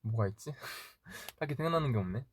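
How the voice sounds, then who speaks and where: A young man in his twenties hosts an idol livestream, casually answering fan comments with quick, easy laughs and rambling stories, sometimes talking softly to himself. His mid-range voice is expressive with a breathy edge.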